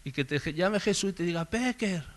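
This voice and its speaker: A man preaching a sermon in a conversational storytelling way, calling out names loudly. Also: on the high side, quick pace. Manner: conversational storytelling, swells loud on names called out. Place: church service.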